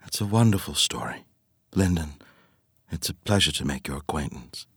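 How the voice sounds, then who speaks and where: Woman putting on a deep seductive courtly man. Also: expressive, slightly rough, no echo, studio quality, exaggerated voice. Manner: soft, slow and formal.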